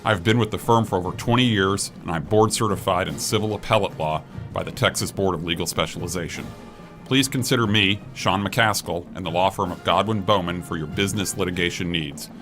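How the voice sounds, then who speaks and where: A man's voice: sits low, a little fast, over music. A middle-aged man reading a scripted advertisement for his own professional firm. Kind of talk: scripted ad read.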